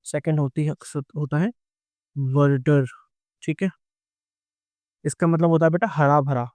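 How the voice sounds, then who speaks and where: A man's voice: fairly high pitch, steady tone, measured pace, a little mellow, dry recording. A middle-aged man with an Indian English accent gives an exam-prep grammar lecture. He explains patiently, keeps checking in with his students, and asks them questions that he then answers himself.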